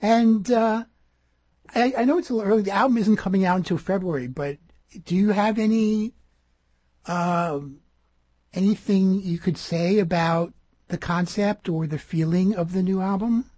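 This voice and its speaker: A woman's voice: mid-range voice, normal speed, dark tone, dry recording. A woman hosting a radio interview, asking questions and giving short interjections. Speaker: radio host.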